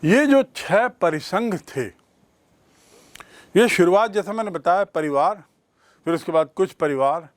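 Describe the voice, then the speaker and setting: A man teaching a history lesson, explaining slowly and repeating key terms for his students. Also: high-pitched, expressive, no room sound. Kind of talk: classroom history lecture.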